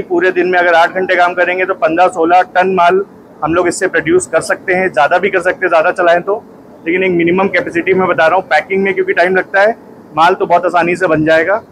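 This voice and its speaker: Persuasive man pitching his factory. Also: flat delivery, fast talker, fairly bright tone, slight background noise, low-quality recording. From India. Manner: persuasive salesman, direct address to viewers. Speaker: detergent company owner and trainer. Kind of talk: promotional factory tour and pitch. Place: factory floor, then small office indoors. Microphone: phone at arm's length.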